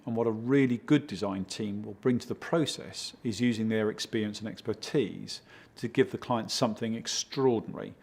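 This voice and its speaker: A man working as a project consultant, giving steady, explanatory interview answers and leaning on key words. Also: medium pitch, creaky, husky. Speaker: project consultant for a home design firm.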